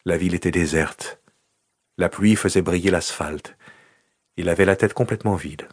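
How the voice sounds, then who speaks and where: A man reads an audiobook with measured, even narration. His voice sits on the low side, and the recording is close and dry, with no room sound. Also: no room sound. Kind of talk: scripted narration.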